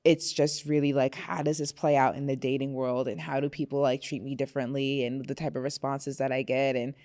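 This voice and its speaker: A woman's voice: very deep voice, level tone, brisk, a little mellow. A young woman from Florida chatting candidly as a podcast guest, laughing often and using fillers like "you know". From Florida, USA. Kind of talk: casual podcast chat.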